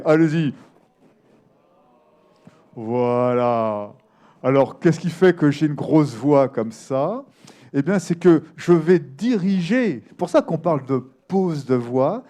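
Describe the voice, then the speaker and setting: Lively French voice coach, man. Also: fairly high pitch. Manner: animated, demonstrates vocal exercises, addresses remote audience. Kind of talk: live workshop talk.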